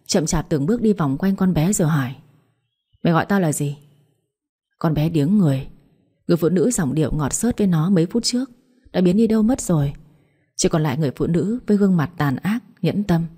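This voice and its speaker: Female narrator, steady storytelling, low, mellow voice. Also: slightly rough.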